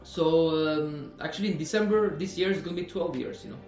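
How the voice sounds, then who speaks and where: Brief: man, 20s, personal trainer vlogging; earnest, repetitive, high voice over faint background music. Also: fairly quick, a little mellow, echoey room. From Norway. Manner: earnest, repeats himself, frequent "you know". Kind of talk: earnest fitness vlog monologue.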